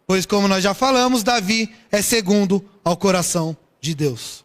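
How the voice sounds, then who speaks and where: High-voiced preacher in a reverberant hall. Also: male voice, moderate pace. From São Paulo, Brazil. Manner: lively storytelling preaching with rhetorical questions. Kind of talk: sermon.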